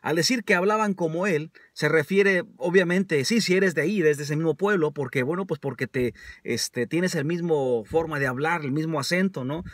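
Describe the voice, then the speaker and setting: High-voiced man preaching a sermon. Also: normal speed, hardly any pauses, no room sound, clean studio sound. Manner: conversational preaching, addresses listeners as brothers, frequent hesitations. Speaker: pastor.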